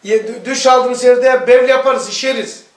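A man's voice: very high voice, measured pace. A middle-aged man, a religious teacher, giving a sermon and telling stories that he acts out in dialogue. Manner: animated storytelling, acts out dialogue. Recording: echoey room, voice from far off.

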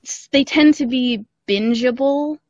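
A woman who creates audio dramas chats casually as a guest on a podcast over a remote call. Her voice sits high and a little mellow, unhurried, with no room sound, and the call audio is slightly dull and lo-fi.

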